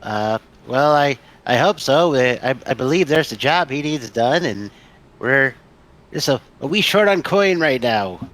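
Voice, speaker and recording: A man's voice: mid-range voice, animated, unhurried, a bit bright. A man voicing a small, polite fantasy adventurer in a tabletop game, hesitant and quaintly courteous.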